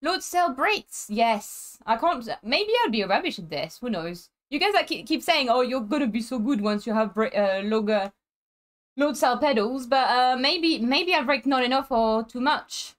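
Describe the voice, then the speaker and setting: A woman streaming a racing game, chatting casually with viewers in an excitable way. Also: fairly high pitch, moderate pace. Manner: chatty, excitable, frequent laughs and restarts. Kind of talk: casual live-stream chat while racing.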